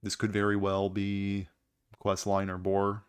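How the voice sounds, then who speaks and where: Low-pitched, slow-talking man commentating on a game. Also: monotone, clean tone. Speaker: gaming video host. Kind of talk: casual gameplay commentary.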